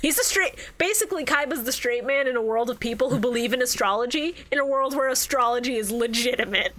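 Woman podcast co-host, bright and a touch high, giggly and animated, casual fan chat. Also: fast.

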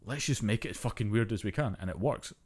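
A man's voice: fairly low pitch, quick pace. A young man co-hosting a podcast, ranting casually and swearing freely as he chats. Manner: profane, ranting, animated. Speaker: podcast co-host. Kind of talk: casual chat.

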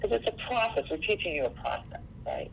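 Gravelly-voiced woman, earnest interview guest. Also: low-pitched, wildly swooping pitch, fairly quick, slight background noise, poor audio. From Seattle, USA. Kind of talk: interview conversation.

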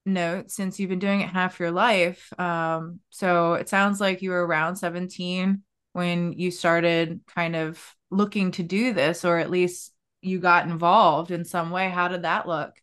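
A woman hosting a podcast, chatty and relaxed as she asks her guest open questions. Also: fairly low pitch, a little slow, hardly any pauses, clear, resonant tone. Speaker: podcast host. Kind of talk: casual interview.

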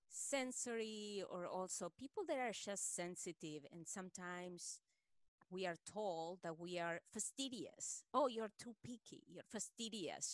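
A woman, a communication expert, talking as a podcast guest with eager, quick speech and a few stammered restarts. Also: mid-range voice, dry recording. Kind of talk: casual podcast conversation.

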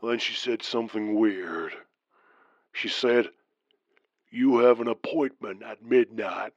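A man voicing a trucker caller with a deep southern accent, telling a strange tale slowly in a hushed, drawling way. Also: no echo, dull audio. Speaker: caller in a story. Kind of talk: storytelling narration.

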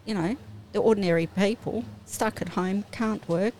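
A woman's voice: medium pitch, moderate pace, a little mellow. A woman talking casually as a panellist on a podcast. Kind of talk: casual discussion. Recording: faint background ambient noise.

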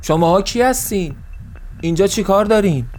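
A man voicing a wary armed rural man who shouts harsh demands at strangers. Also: medium pitch, lightly acted. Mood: shouting.

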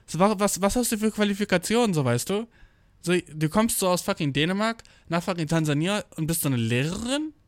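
A man's voice: sits high, animated, fairly quick, dry recording. A young man in a casual rambling monologue, heavy on slang and swearing. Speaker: vlogger. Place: indoors, travelling abroad.

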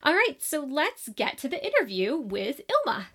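A woman's voice: high-pitched, wildly swooping pitch, normal speed, loud music behind the voice. A woman hosting a podcast, chatting in a casual, upbeat and enthusiastic way as she interviews a guest. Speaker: podcast host.

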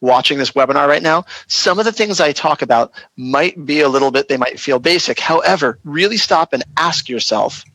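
A man's voice: fairly high pitch, animated, moderate pace, few pauses, sharp tone, no echo, low-quality recording. A man, a real estate agent, explaining how to handle client objections in an earnest, practical teaching tone during a webinar interview.

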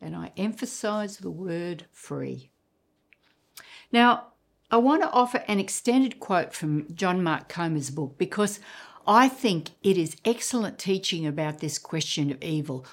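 Slow, low-voiced woman preaching a sermon. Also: lively intonation. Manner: emphatic, with dramatic pauses and repeated words.

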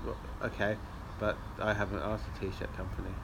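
A man's voice: lowish voice, little pitch movement, brisk, vocal fry, crowd noise. A man co-hosting a casual podcast outdoors, joking around with his friend. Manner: jokey, puts on silly accents. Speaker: podcast co-host. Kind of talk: casual chat. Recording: noisy outdoor recording.

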